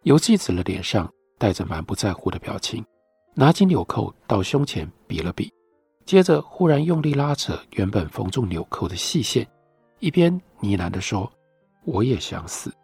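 A man hosting a radio book show, narrating and reading a novel in a measured, reflective way from a studio mic. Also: on the low side, sing-song, darkish tone, breathy edge, no echo, soft background music. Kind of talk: literary book talk and reading aloud. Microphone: studio microphone.

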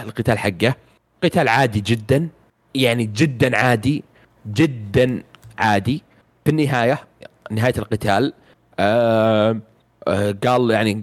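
A man recapping a video game plot in casual chat, rambling with many fillers and restarts. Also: fairly low pitch.

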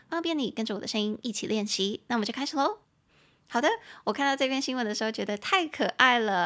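A young woman with a Taiwanese Mandarin accent hosting a casual podcast English lesson, cheerful and giggly, slowing down to spell words out letter by letter. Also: fairly high pitch, a bit bright. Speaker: podcast host and English teacher. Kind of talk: casual bilingual language lesson.

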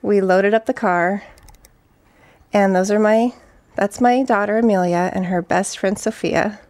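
Slow, gravelly-voiced shaken woman. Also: medium pitch, no room sound. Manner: halting, shaken, hushed. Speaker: eyewitness interviewee. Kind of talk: reading a personal journal aloud, then interview. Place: her home TV room. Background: music.

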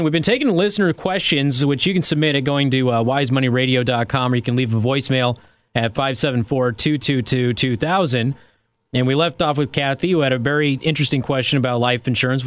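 A man's voice: medium pitch, fairly even intonation, fast talker. A man hosting a radio talk show, reading out listener questions and station plugs.

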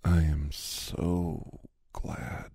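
A man whispering softly and soothingly very close to the mic in an ASMR massage roleplay. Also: a bass voice, flat delivery, gravelly. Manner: soft whispering, slow and soothing. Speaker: ASMR performer.

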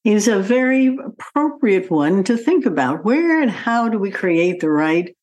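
Slow, reflective middle-aged woman host. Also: medium pitch, sing-song, darkish tone, highs cut off. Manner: hesitant, reflective, with fillers. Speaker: podcast host. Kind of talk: interview conversation.

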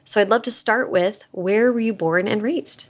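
A woman's voice: medium pitch, normal speed, dry recording. Bubbly young woman podcast host. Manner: bubbly, enthusiastic. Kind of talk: podcast host read and interview.

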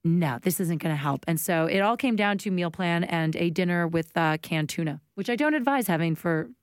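Chatty woman in her late thirties, lowish voice. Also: animated, normal speed, clear, resonant tone, no room sound, studio quality. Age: late 30s. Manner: candid, chatty, laughs often. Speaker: podcast co-host. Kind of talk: casual chat.

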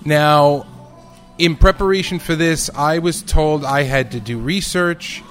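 A man's voice: on the high side, a little slow, a bit bright, soft background music. A man with a New York accent hosting a podcast with playful, chatty, theatrical banter. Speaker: podcast host.

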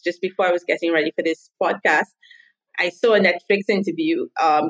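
Here a woman from Trinidad and Tobago, in her thirties, talks in a fairly low voice over a rough recording. As a marketing consultant guesting on a podcast interview, she chats easily and shares anecdotes from her job.

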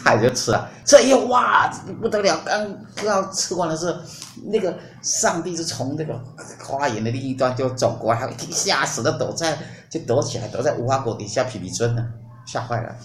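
A man hosting a podcast, retelling a myth in a lively, playful way. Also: medium pitch, fairly quick. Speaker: podcast host. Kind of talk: storytelling in casual chat. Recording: roomy recording with faint hum.

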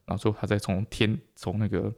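A man's voice: on the low side, flat delivery, fast talker, creaky, darkish tone. A man casually chatting as a podcast co-host, retelling a book in a playful, teasing way. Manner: playful storytelling, jokey teasing. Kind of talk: casual chat.

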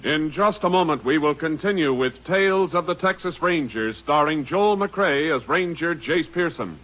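A man's voice: a little high, animated, normal speed, a bit bright. A man announcing the show's return in a formal tone. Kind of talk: show announcement. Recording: dull old radio broadcast with music.

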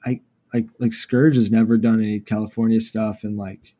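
Young man, from houston, laid-back filler-heavy chat, mellow dark tone. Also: on the low side, flat delivery, normal speed. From Houston, Texas, USA. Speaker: guest musician. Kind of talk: casual interview chat.

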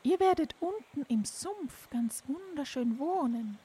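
A bossy old mother toad from a storybook, ugly and plotting, who croaks her orders in a shrill, high voice that swoops all over the place. Her fussy delivery sounds a little off-mic, as a woman reading the tale puts her on. She drawls slowly. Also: animated, mellow. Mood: scheming. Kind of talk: storybook character voice.

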